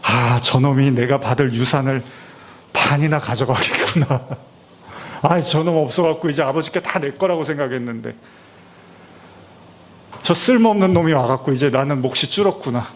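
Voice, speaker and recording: A man's voice: mid-range voice, moderate pace, long pauses, natural voice. Man doing a bitter jealous older brother, scornful, muttering. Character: resentful jealous elder son, grumbling.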